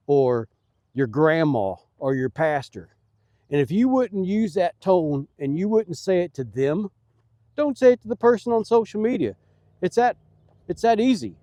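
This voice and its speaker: A man's voice: fairly high pitch, dark tone, no echo. A middle-aged man who keeps bees, talking in a casual, earnest and folksy way while he walks among his hives outdoors. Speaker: beekeeper. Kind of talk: casual vlog talk. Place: outdoors at beehives.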